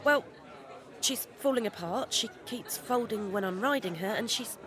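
A woman's voice: fairly high pitch, normal speed, a bit bright, a faint crowd, close to an everyday voice. An actress playing a flustered, eager young woman on a date, talking in a slightly awkward way.

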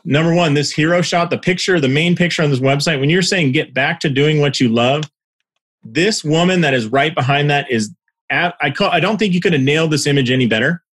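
A man's voice: fairly high pitch, brisk, fairly bright tone. A man on a video call from his desk, giving a coach's feedback on a website. He is direct and encouraging, and he stammers a little as he starts his points.

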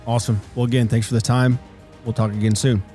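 A man's voice: mid-range voice, flat delivery, fast, mellow, soft background music. A man hosting a podcast, speaking casually and conversationally to his guests. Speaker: podcast host. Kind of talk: casual interview closing.

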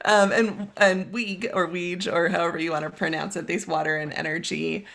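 A guest expert in a podcast conversation, explaining a grant program in a measured way, with frequent "um"s and long lists. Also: medium pitch, steady tone, gravelly, fairly bright tone. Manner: measured, many "um"s, lists items one by one.

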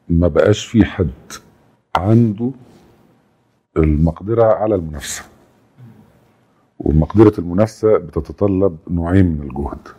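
A man's voice: low-pitched, dark tone, breathy edge. A man with an Egyptian accent, a guest in an interview, explaining his points emphatically. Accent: Egyptian Arabic. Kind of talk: interview commentary.

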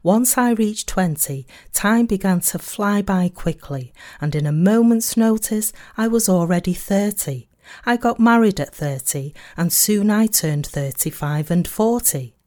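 A woman reading a sermon aloud in a measured, earnest way, slowing down on key phrases. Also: mid-range voice, expressive, warm tone. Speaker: sermon reader.

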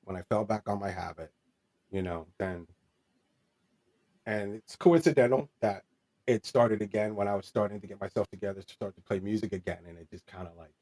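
Earnest low-voiced man telling his story. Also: fairly quick, warm tone. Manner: earnest, rambling, many fillers and restarts. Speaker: interview guest. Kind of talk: candid personal story in an interview.

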